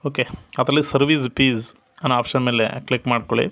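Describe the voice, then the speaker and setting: A man narrating a step-by-step software walkthrough in a steady instructional manner. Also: mid-range voice, quick pace, background noise. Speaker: software tutorial presenter. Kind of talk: screen-recorded software walkthrough.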